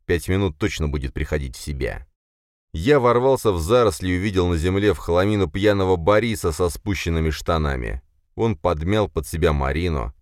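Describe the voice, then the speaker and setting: Deep-voiced male audiobook narrator. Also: dry recording, studio quality. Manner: steady, measured storytelling. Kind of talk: first-person fantasy audiobook narration.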